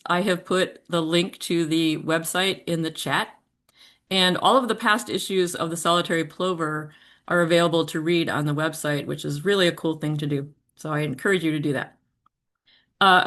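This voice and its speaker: A woman's voice: fairly low pitch, fairly bright tone. A woman hosting a virtual poetry reading from home over a video call, giving polite, orderly instructions with frequent ums. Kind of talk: organized welcome and event instructions. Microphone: computer mic on a video call.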